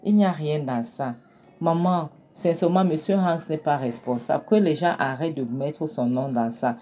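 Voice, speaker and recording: A woman's voice: low-pitched, moderate pace, dark tone. A woman voicing an upset young daughter pleading her innocence to her mother. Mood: insistent. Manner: pleading, emphatic denials.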